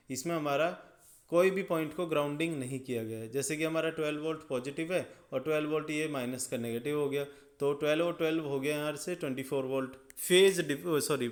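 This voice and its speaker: Man patiently explaining circuits, higher-pitched voice. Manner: step-by-step, checks understanding with "ठीक है". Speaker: electrical tutor. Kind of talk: explaining circuits at a drawing board.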